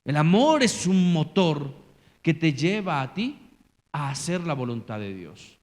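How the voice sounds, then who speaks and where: A man preaching a sermon as pastor, swinging from loud calls to hushed, low lines. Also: big pitch swings, unhurried. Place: church. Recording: church hall reverb.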